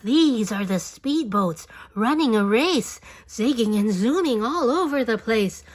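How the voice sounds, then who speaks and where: A woman reading a children's book aloud as expressive rhyming narration, deliberate and singsong, drawing out words. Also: fairly high pitch.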